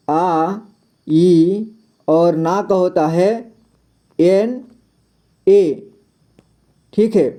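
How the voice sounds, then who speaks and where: A man leads a casual spoken reading lesson at a slow, patient pace. His voice is very dark and mellow. He says each word again and again, spells it letter by letter and keeps checking in with a quick "okay.". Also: high-pitched. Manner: patient, repeats words and spells them letter by letter; fills gaps with a frequent 'okay'. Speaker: teacher.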